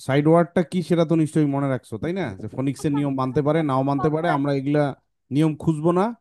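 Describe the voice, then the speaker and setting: A man's voice: a little high, dark tone, no room sound, studio quality. A man teaching English to children in a live online class, mixing Bengali with English words and drilling words for the class to repeat. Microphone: video call.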